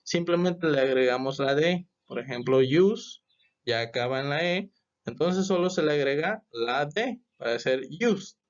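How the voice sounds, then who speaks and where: A man teaching a grammar lesson, explaining step by step and often checking with a quick question. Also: on the high side, animated, dull audio. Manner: patient, repeats "¿ok?" to check understanding. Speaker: English teacher.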